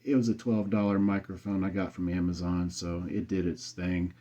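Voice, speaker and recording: Speaking into a USB desk condenser mic, an American amateur radio operator chats casually in an easygoing, colloquial way. His voice is low and dark, with a level tone and normal speed. The recording sounds slightly dull.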